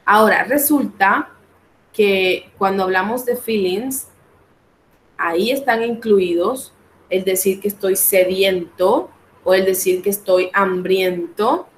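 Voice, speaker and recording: A Colombian woman with a Colombian Spanish accent, teaching an English class online and slowly modeling each English phrase. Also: medium pitch, reverberant, slight background noise, poor audio.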